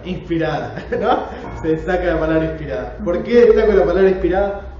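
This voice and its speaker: A man's voice: high voice, fairly quick, dark tone, faint music behind. Argentine man teaching in an echoey church hall. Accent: Rioplatense Spanish. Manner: earnest, conversational, asks the class questions. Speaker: Bible class teacher. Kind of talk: church class lecture with opening prayer. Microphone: room recording from a distance. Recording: very echoey dull hall recording, distant.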